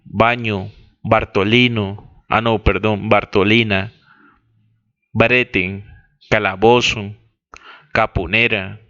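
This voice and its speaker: A man reading a text aloud as dictation, deliberately spelling out words and correcting his own slips. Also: on the low side, fairly even intonation, pushed and bright. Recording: dull lo-fi recording.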